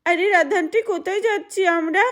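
A woman's voice: extremely high pitch, moderate pace, a bit bright, voice pushed up. Woman doing a frightened little girl. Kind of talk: doll-play storytelling.

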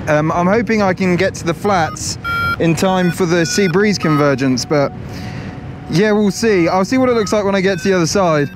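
A paragliding vlogger in his thirties gives casual, matter-of-fact first-person commentary in a high-pitched voice at normal speed. He's recorded on an action camera outdoors, both in flight and in an open field, with wind and outdoor noise.

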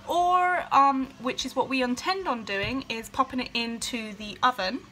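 Bright chatty woman vlogging from her kitchen. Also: sits high, moderate pace, a little hiss or hum, poor audio. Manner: chatty, friendly, lots of fillers. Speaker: home cooking vlogger. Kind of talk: casual chat to camera. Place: home kitchen, indoors. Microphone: phone held at arm's length.

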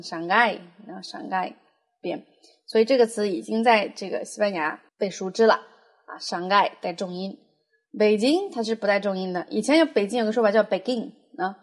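A young adult woman teaching a language lesson, explaining patiently and reading foreign phrases aloud with frequent fillers. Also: medium pitch. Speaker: Spanish teacher.

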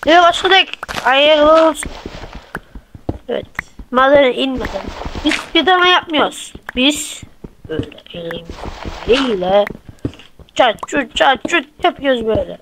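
A woman with a fairly high voice talks viewers through her building, counting blocks and correcting herself as she plays. Her running commentary is loose and chatty. There is a steady hiss under her voice, with clicks over it. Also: unhurried, pauses often. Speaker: gameplay channel host. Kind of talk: casual let's-play commentary.

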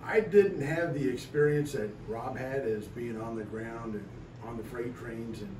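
An older American man talks casually about himself as a podcast panelist. His pitch is average. He sounds set back from the mic in a very roomy space, with clear noise behind him. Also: unhurried. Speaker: podcast panelist, retired railroader. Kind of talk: casual self-introduction. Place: echoey room, away from the mic. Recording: echoey room, distant mic, clear background noise.

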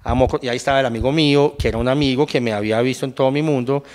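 A man's voice: medium pitch, very fast, big-room sound. A young Colombian man with a Paisa accent, telling his testimony in casual conversation and acting out what he said back then. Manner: animated storytelling, acts out his own past lines. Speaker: guest giving testimony.

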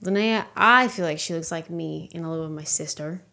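A woman's voice: sits low, brisk, creaky, pushed and bright. A young woman chatting casually with her partner, answering viewer questions as a new mother and finishing his sentences.

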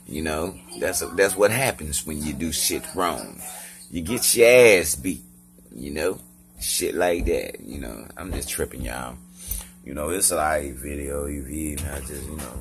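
A man's voice: a bass voice, fairly bright tone. A man from Mississippi with a Southern accent, rambling and swearing on a live video. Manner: profane, rambling, keeps saying "you feel me". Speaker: live streamer.

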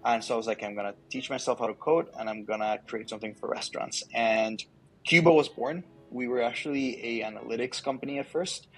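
Speaking briskly in a mid-range voice, a young startup founder from Colombia chats through a casual video-call interview on earbuds. He sits in an office with a big window, peppering his answers with likes and ums. Soft music plays in the background of the low-quality recording.

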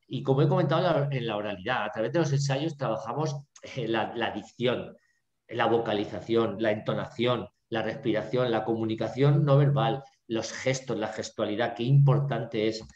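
A man's voice: mid-range voice, a little mellow. A man, a drama teacher giving a lecture over a video call, who keeps checking in with his listeners with little tags and fillers. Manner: filler-heavy, constantly checking in with "¿vale?" and "¿no?". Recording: echoey room, dull lo-fi video call.

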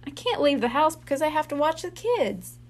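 Worried older boy in a storybook, earnest and unhurried, high light voice, read by a woman. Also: sing-song. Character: friendly older boy babysitting siblings.

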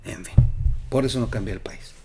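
A man with a Mexican accent hosting a political commentary show, emphatic, with loud outbursts and quiet asides. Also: mid-range voice, fairly quick, background noise. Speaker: news commentary host.

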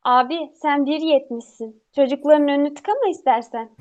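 An actress plays a chatty younger sister in a radio play, familiar in manner. The voice is high, on a slightly muffled recording. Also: female voice, normal speed, a little mellow, close to an everyday voice. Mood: teasing, fond. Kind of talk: Turkish radio theatre acting. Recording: slightly dull, lo-fi sound.

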